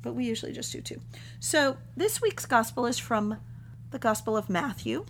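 A woman co-hosting a religious podcast as ordained clergy, talking in a chatty, expressive way with jokey asides. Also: fairly high pitch, normal speed, slight background noise. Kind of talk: casual religious podcast chat.

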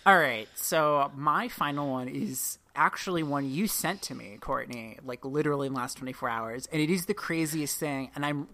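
A woman's voice: sits low, normal speed, few pauses, bright, forceful tone. A woman hosting a podcast, telling a story in a rambling, self-correcting way. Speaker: podcast host. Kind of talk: casual podcast chat.

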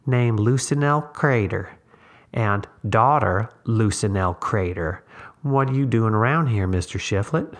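A man's voice: lowish voice, measured pace. A man voicing a shrewd, toothless old country woman who gives blunt, clipped replies in a story reading. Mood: flat. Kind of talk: audiobook reading.

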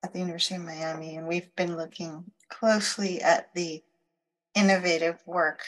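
A middle-aged woman from Chile with a slightly low voice speaks as a guest law professor. She answers interview questions in a considered, measured way and pauses now and then to find the right words. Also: level tone, low-quality recording.

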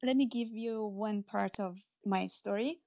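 Her gravelly, warm voice sits at medium pitch and moves a little slowly. She is a non-native English speaker, an author interviewed about faith and her stories, speaking earnestly with frequent fillers and restarts.

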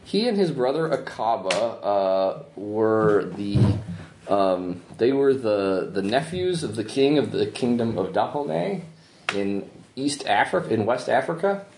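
Low-voiced man running a tabletop game. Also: very animated, unhurried, darkish tone. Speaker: game master. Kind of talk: casual narration of a tabletop game. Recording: roomy tabletop recording with faint noise.

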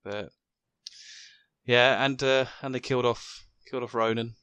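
A man's voice: medium pitch, steady tone, a little slow, fairly bright tone, clean tone, no room sound. A British man chatting casually as a podcast co-host, hesitant, with many ums and restarts. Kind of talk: casual chat about comics.

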